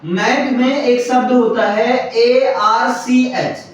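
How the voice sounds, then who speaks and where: A man's voice: extremely high pitch, fairly even intonation, slow pace, distant mic. Male teacher in a very echoey classroom. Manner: repeats points, checks understanding often, spells words out letter by letter. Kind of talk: classroom grammar lesson. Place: classroom with students answering together.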